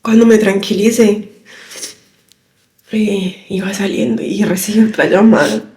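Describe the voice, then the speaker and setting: A woman, softly recounting a painful memory in an interview, halting as she goes. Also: medium pitch, steady tone. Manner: halting, soft-spoken recounting. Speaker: victim's daughter. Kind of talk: interview testimony. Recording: roomy echoing room.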